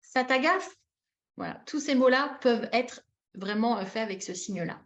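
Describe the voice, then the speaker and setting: A woman leading a live teaching demonstration on a video call, animated and demonstrative, repeating key words and acting out short example phrases with expressive intonation. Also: on the high side, brisk. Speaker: webinar trainer teaching baby signs. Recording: dull lo-fi webinar audio.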